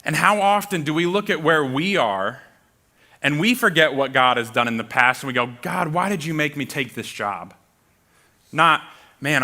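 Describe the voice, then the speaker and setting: A male pastor delivering a sermon in a bright, forceful voice at an ordinary pitch. He preaches with emphasis and slips into quoted complaints to make his points.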